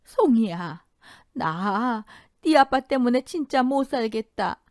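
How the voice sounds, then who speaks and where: A woman's voice: on the high side, lively intonation, unhurried, no room sound, studio quality, voice pushed up. A woman voicing an elderly grandmother in an audio drama, tearful one moment and scolding fiercely to protect her granddaughter the next. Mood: grieving. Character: elderly grandmother, rice-mill owner, fierce but grieving.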